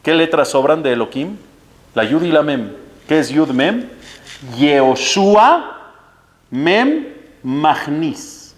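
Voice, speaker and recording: A man with a Mexican Spanish accent, a rabbi giving a lively sermon full of storytelling, acting out both sides of a phone call as he teaches. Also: fairly high pitch, takes it slowly, long pauses. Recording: long hall reverb.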